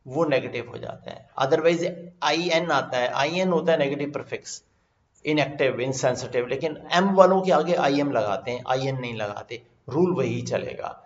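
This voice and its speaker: Indian guy teaching vocab off slides, switches hindi and english, repeats stuff slowly, kinda dull echoey audio. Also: medium pitch. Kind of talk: vocabulary lesson over slides. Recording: echoey, slightly dull recording.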